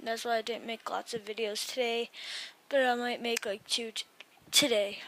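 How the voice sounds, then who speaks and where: A woman's voice: fairly high pitch, level tone, moderate pace, a bit bright. A tired young woman with the hiccups, rambling through casual gameplay commentary at her computer. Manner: rambling, trailing off and restarting. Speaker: gaming YouTuber.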